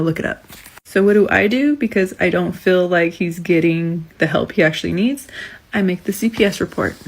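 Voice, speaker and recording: A woman who used to be a school nurse, telling a story to camera in a blunt, animated way and swearing freely. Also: lowish voice, gravelly, breathy edge.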